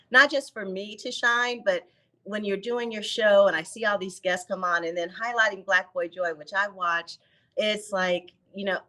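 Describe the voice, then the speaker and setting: A woman in her fifties, a podcast guest, talking animatedly and acting out quotes as she tells stories. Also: mid-range voice. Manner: animated storyteller, acts out quotes, laughs. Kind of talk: casual interview chat.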